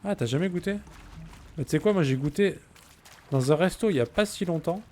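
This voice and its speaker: A man with a mellow, high-side voice streams a game, sounding animated and speaking fairly quickly. This let's play streamer chats jokingly with viewers and replies to their messages.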